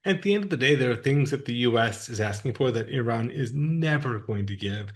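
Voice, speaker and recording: A man's voice: medium pitch, animated, brisk. Man explaining politics in casual talk. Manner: thoughtful, explanatory, plain-spoken. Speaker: podcast co-host. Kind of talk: casual discussion.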